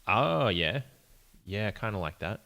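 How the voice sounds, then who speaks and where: A young man streams as an indie game developer, muttering and thinking aloud while he codes, casual and a bit apologetic. His voice sits fairly low, with a sing-song lilt and a slow pace, gravelly yet bright and forceful.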